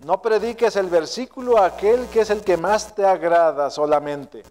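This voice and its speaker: A male pastor preaching an earnest, self-searching sermon, his voice often trailing low and soft at the ends of phrases. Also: moderate pace. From Mexico. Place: church sanctuary. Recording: long hall reverb.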